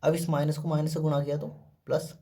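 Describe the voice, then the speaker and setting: A man's voice: a little high, little pitch movement, fast, warm tone. A man teaching a math lesson step by step, asking questions and answering them himself. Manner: explains step by step, asks and answers his own questions; often says "ठीक है" and "देखो".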